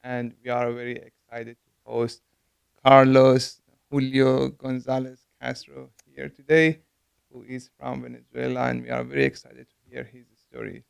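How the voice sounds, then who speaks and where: A man co-hosts a podcast and introduces a guest in a formal, welcoming way. His middle-pitched voice has a gravelly edge over a smooth tone, and it is recorded dry and close, with no room sound. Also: level tone, normal speed, no room sound. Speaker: podcast co-host.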